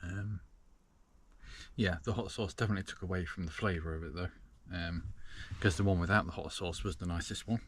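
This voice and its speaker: A man's voice: sits low, steady tone, a little fast, fairly bright tone. A man chatting casually to camera from inside a small parked van, rambling with lots of ums. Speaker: van-life vlogger.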